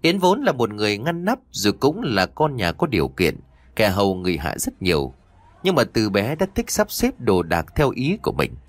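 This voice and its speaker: A man narrating a horror story in an expressive storytelling manner. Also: lowish voice, normal speed, dry recording.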